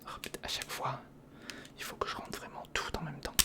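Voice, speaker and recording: Fairly quick and whispered, this man's informal ASMR narration accompanies a building project. He is an ASMR creator who mutters half to the viewer, half to himself.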